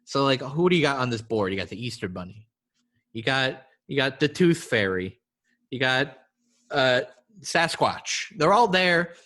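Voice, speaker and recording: A man co-hosting a comedy podcast, riffing in an animated, playful way. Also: medium pitch, a little slow. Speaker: podcast co-host. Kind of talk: casual comedic chat.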